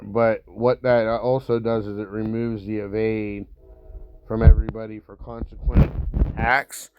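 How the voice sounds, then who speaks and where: Male gamer, slow-talking and fairly low-voiced, blunt and instructive, casual walkthrough style in a dry close sound. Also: little pitch movement, clean tone, highs cut off. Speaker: gamer commentating on own gameplay. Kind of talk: casual mobile game walkthrough commentary.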